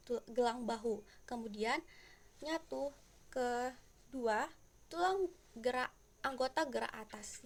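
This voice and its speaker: A woman teacher giving a classroom-style lesson, patiently explaining step by step and speaking directly to her viewers. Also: fairly high pitch.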